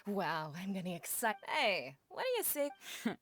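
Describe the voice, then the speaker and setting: An actress playing an excitable, teasing young female sailor in a video game. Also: mid-range voice, unhurried. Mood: eager. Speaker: ship crew member.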